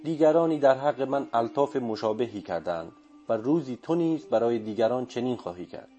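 Man reading as an old male sorcerer, calm, blunt, slow and deliberate, mellow low voice, audiobook. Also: faint music behind, close to an everyday voice. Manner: slow, steady, cutting.

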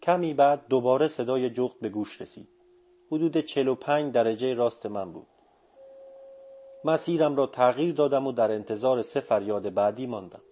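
A man narrating a story in a calm, measured reading voice. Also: mid-range voice. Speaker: audiobook narrator. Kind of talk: scripted narration.

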